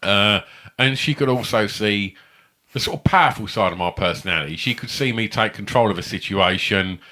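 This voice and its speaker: A man co-hosting a casual comedy podcast, with a fairly low voice and a bright, forceful edge. He tells long, sweary anecdotes in a loose, rambling way. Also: brisk. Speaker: podcast co-host.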